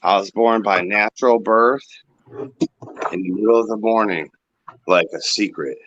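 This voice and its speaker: Low-voiced laid-back man, muffled audio. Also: unhurried, a bit bright, no room sound. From Ohio. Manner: swearing, laid-back, preachy about belief. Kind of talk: casual chat.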